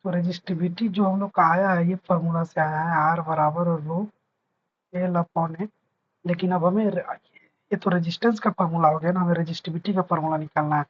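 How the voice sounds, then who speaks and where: A man's voice: a little high, steady tone, fairly quick, muffled recording. A man teaching a physics lesson, patiently repeating points and checking that his students understand. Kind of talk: explaining a lesson.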